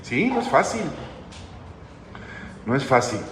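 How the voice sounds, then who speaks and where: A man's voice: medium pitch, big pitch swings, slow pace, fairly bright tone. A man preaching a sermon as pastor, in a conversational way that keeps asking the congregation questions. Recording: echoey hall with long reverb, faint noise.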